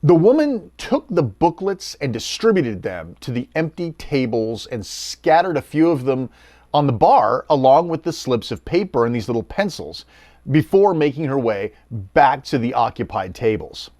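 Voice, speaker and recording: A middle-aged American man tells the story like a scripted documentary, with a wry, personal touch. His pitch swings up and down as he goes. He is recorded close and dry, with no room sound. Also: sing-song, normal speed, a little mellow, no room sound. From United States. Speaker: documentary narrator.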